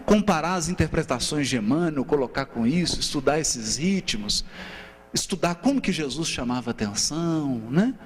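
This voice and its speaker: A man's voice: fairly high pitch, normal speed. A man with a Brazilian Portuguese accent giving a seminar lecture, asking rhetorical questions and counting out rhythms. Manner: animated, asks rhetorical questions, often adds "né?". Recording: reverberant hall, faint hum.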